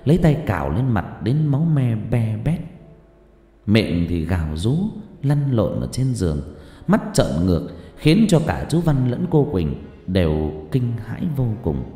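A man narrating a scripted horror story in a dramatic, expressive way. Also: on the low side. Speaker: audiobook narrator. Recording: roomy reverb with faint music.

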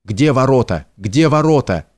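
A man's voice: medium pitch, expressive, normal speed, darkish tone, lightly acted. Male narrator doing a panicked young nobleman: breathless, stammering, mid-range. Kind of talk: audiobook character reading.

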